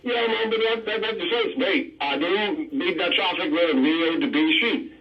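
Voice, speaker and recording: A man with a Bahamian accent calling in to a radio show, talking in an animated, rambling way and trailing off mid-sentence. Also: high voice, normal speed. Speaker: caller. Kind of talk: phone-in chat. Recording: dull phone line from a distance.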